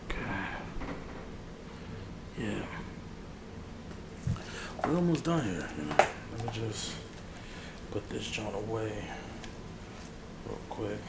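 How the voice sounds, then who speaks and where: This ASMR barber roleplay creator has a fairly low voice and is very animated, yet speaks slowly and pauses often. He rambles familiarly in slang as casual chat runs alongside the roleplay, with clear background noise.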